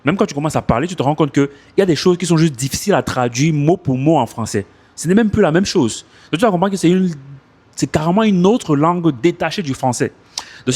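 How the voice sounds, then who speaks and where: A man coaching French speakers on learning English, talking casually into his phone outdoors and repeating his points for emphasis. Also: fairly high pitch. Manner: animated, repeats himself for emphasis. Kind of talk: casual advice vlog.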